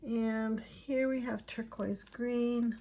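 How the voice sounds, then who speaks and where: A tired woman hosting an art channel, chatting softly and thinking aloud while she swatches paints at home. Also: on the high side, steady tone. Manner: soft-spoken, unhurried, thinking aloud.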